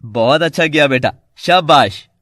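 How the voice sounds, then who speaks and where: A performer voicing a cruel, callous father in a storybook drama, in a lowered, gloating voice. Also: unhurried, a bit bright, dry recording, studio quality.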